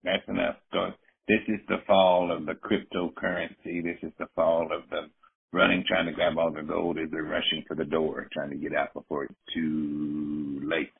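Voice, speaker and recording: Male discussion commentator, low husky voice, opinionated casual delivery, narrow-band audio. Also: level tone, moderate pace. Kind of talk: casual interpretive political chat.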